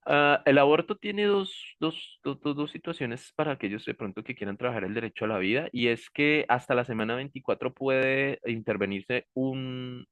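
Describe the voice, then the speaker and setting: This male teacher speaks at a normal pace with few pauses, his mid-range voice fairly bright and echo-free. Lecturing step by step, he keeps confirming understanding with "¿sí?" and "¿listo?" and cautions with "ojo" and "pilas."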